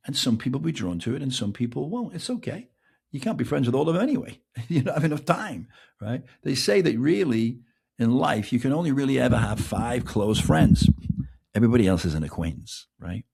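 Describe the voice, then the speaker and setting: This English podcast host, a middle-aged man, riffs at a normal pace in a relaxed, self-mocking way. His husky, gravelly voice carries a somewhat dark tone, and he stays animated, his pitch swinging broadly with each rhetorical question.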